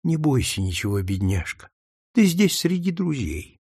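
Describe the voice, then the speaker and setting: A man voicing a gentle, soothing housewife. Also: mid-range voice, sing-song, normal speed, vocal fry, slightly rough, dry recording, clean studio sound, exaggerated voice. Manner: soothing, tender. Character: kind gentle woman, a senator's wife.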